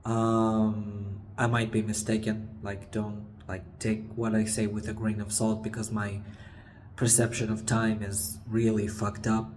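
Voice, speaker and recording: In an echoing stairwell with faint noise behind him, a man in his twenties speaks to camera in a casual, confessional way. His delivery is very slow and halting, full of hesitant pauses. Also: fairly low pitch, completely flat delivery, a little mellow. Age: 20s. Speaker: vlogger. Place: stairwell of an apartment building. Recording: echoey stairwell with background noise. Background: faint ambient building noise.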